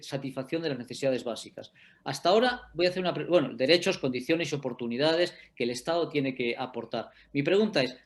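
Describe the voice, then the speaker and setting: A middle-aged man giving a law lecture in an online class, explaining step by step and often checking that listeners follow. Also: fairly high pitch. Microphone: video call.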